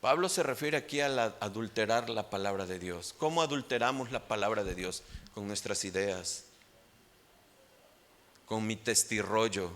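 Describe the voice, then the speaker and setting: A Mexican pastor with a Mexican Spanish accent, preaching a sermon emphatically and rising in pitch on key points. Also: male voice, lively intonation, moderate pace, few pauses, a bit bright.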